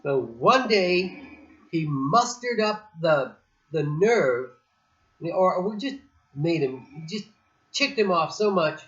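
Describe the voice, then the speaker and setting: A man talks slowly and unhurriedly in a relaxed chat outdoors on a beach, and his pitch swings widely as he wanders off on tangents and restarts his sentences. The recording sounds dull and lo-fi. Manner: rambling, digressive storytelling with many restarts. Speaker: host. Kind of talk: casual chat.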